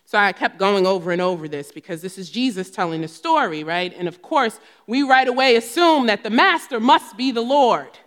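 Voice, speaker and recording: A woman's voice: mid-range voice, expressive, normal speed, hardly any pauses, fairly bright tone. A woman with a New Jersey accent preaching a sermon, telling stories and rising to emphatic bursts when she reads scripture. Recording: long hall reverb.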